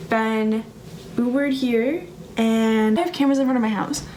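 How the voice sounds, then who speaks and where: A young woman vlogger telling a casual storytime with fast, breathless, swear-laden delivery. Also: on the high side, darkish tone, slight background noise.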